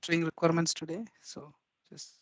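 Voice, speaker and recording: A man speaking in an online work meeting. His call audio breaks up and sounds tinny, like talking through a tin can, and he talks haltingly. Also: a little high, monotone, dry recording. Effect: choppy, tinny call audio, like talking through a tin can. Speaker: meeting participant.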